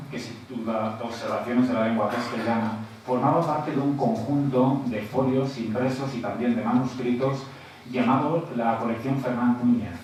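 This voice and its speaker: A man giving an explanatory conference presentation as a panelist, often tagging his points with quick checks to the audience. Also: mid-range voice, darkish tone. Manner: explanatory, tags points with "¿eh?" and "muy bien". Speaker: panelist at an academic round table. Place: large auditorium. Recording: echoey hall picked up from far off, faint noise.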